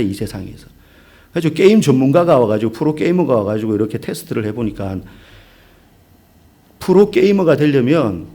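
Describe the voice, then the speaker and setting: Male pastor, forties, conversational sermon; animated, slightly high delivery with loud-soft swings. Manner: conversational storytelling with humor, swings from loud to hushed. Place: church sanctuary.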